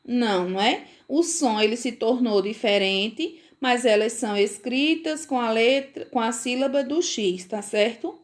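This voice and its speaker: A woman from Brazil who teaches young children, giving a recorded phonics lesson, sounding out words slowly and checking often that the children follow. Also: on the high side. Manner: slow, careful pronunciation with frequent checks for understanding. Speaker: primary school teacher.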